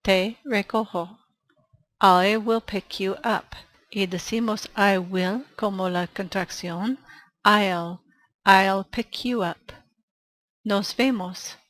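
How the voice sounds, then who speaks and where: A woman gives a bilingual language lesson at a very slow, deliberate pace, pausing after each phrase. Her voice sits at a middle pitch, and she reads each line carefully. is her tongue. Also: no room sound, rough recording. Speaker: English teacher.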